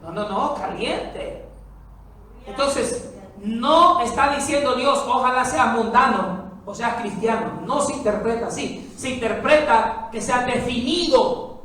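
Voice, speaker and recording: A woman's voice: fairly high pitch, a little slow, a bit bright. A woman preaching a sermon, emphatic and full of rhetorical questions to the congregation. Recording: very echoey hall, far from the mic.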